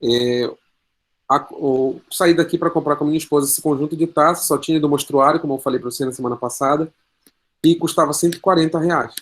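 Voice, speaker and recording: A man with a Brazilian Portuguese accent giving an online class. His voice sits a little high for a man as he tells a shopping story and works through the numbers step by step. He speaks into a computer mic on a video call. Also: fairly quick. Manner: storytelling with quoted dialogue, explains with calculator. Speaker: teacher.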